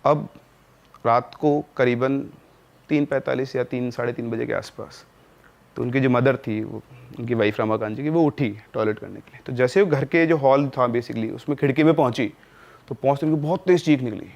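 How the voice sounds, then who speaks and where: Male storyteller, casual spoken horror tale, chatty and unpolished, mid pitch. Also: moderate pace, vocal fry, darkish tone. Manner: conversational, with filler sounds and self-corrections.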